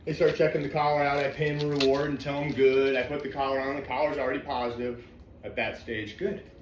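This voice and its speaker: A man working as a dog trainer, calmly explaining a training session to viewers between soft coaxing praise for the dog. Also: medium pitch, fast talker, echoey room, a little hiss or hum. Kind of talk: narrating a training session to camera. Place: indoor room with a dog.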